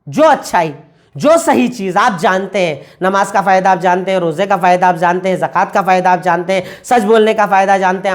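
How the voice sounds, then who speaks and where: A woman teaching a Quran commentary lesson, explaining word by word with English glosses and repeating points in steady lists. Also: mid-range voice.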